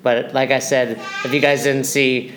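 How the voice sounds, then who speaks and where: A man's voice: mid-range voice, level tone, moderate pace, crowd noise. A man hosting as a nutrition coach, explaining things in casual, instructional talk.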